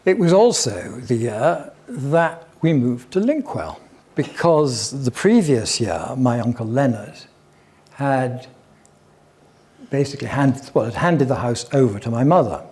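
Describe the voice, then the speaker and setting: A man's voice: mid-range voice, big pitch swings, a little slow, darkish tone. Older man telling wry stories. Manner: chatty, digressive, wry asides. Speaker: guest speaker at a local history talk. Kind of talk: anecdotal public talk.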